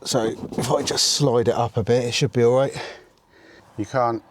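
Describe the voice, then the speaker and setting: This is casual self-talk from a middle-aged British man vlogging his travels, fixing things in a motorhome while he mutters and complains. The tone is steady, the pitch medium, the pace moderate. Recorded on a camera mic placed nearby, the audio is noisy and has clicks.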